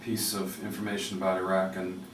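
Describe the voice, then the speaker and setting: A man with a fairly low voice hosts a public radio interview in a casual, well-informed manner. He sounds set back from the microphone in a reverberant room. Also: monotone, brisk, fairly bright tone. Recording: roomy, distant mic with faint noise.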